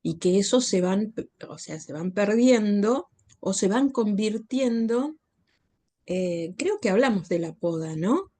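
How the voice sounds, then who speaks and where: A woman student answering in an online class over a video call, hesitant with many pauses and restarts. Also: medium pitch, animated, warm tone. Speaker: course participant.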